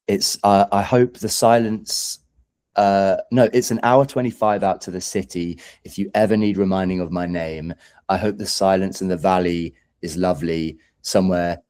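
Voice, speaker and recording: A man with a deep, mellow voice is a singer-songwriter guest in a casual interview, speaking hesitantly, thoughtfully and with self-deprecation.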